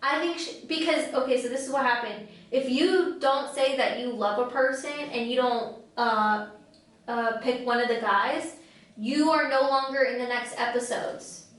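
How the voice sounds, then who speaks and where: A woman with a high voice co-hosts a podcast, speaking at normal speed with a fairly bright tone. She chats casually and rambles, using lots of "like" fillers, and the recording sounds very echoey with the mic far away.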